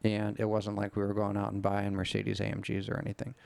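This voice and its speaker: A man's voice: on the low side, completely flat delivery, brisk, creaky, darkish tone. A middle-aged man casually telling a long, rambling anecdote on a podcast, swearing freely. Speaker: podcast co-host. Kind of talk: casual storytelling chat.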